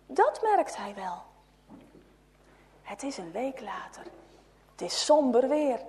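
A woman reads a children's story aloud in a high, clear voice, taking her time over each sentence. She drops to a hush at tense moments and lifts her tone when the action speeds up. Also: in a large hall. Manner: expressive, hushed at tense moments.

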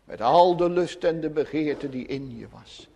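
A preacher voicing a sly, coaxing devil. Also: male voice, a little high, unhurried, vocal fry, darkish tone. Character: sly scheming devil tempting churchgoers. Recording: long church reverb.

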